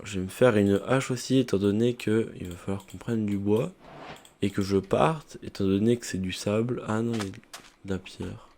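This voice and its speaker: A man's voice: lowish voice, darkish tone, slight background noise. A man casually commenting on his own gameplay in French as a YouTuber, thinking aloud with many fillers, on a poorly set-up mic. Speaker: gaming YouTuber. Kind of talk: casual let's-play commentary.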